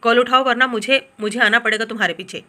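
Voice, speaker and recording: A woman's voice: mid-range voice, quick pace, bright, forceful tone, natural voice. A woman voicing a playful young man shopping for his fiancée.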